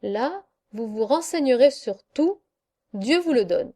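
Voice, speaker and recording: A woman reading an audiobook voices a solemn angel who keeps the records, speaking gravely in a measured, somewhat weary way. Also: a little high, lively intonation, mellow. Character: solemn angel with dark wings, record keeper.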